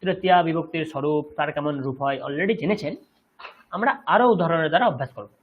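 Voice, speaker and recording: A man's voice: on the high side, fast talker. A man from West Bengal with a Bengali accent, teaching a Sanskrit class and patiently checking that his students follow. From West Bengal, India. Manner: patient, explanatory, checks understanding. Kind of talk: online class lecture. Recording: dull lo-fi audio.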